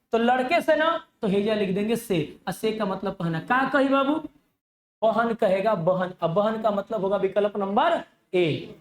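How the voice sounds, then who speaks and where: A man with a Bhojpuri-inflected Hindi accent from Bihar teaches a live online reasoning class, calling his students "babu." He is animated and sometimes shouts, his pitch extremely high. The sound is roomy.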